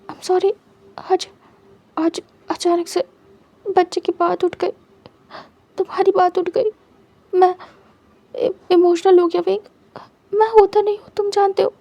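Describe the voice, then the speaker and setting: A woman voicing a devoted young husband who speaks in a soft, hushed, reassuring way. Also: very high voice.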